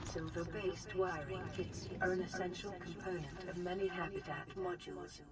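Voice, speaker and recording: A gentle caring computer assistant. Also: female voice, lowish voice, background noise. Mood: calm, caring. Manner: even, soothing, measured announcements. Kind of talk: in-game voice prompts. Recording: game audio with music underneath. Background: game music.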